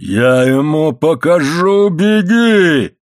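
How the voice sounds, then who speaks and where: A man voicing an angry middle-aged coal-miner father who shouts threats and drags his words out slowly. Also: mid-range voice, animated, no room sound, studio quality, lightly acted. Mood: furious.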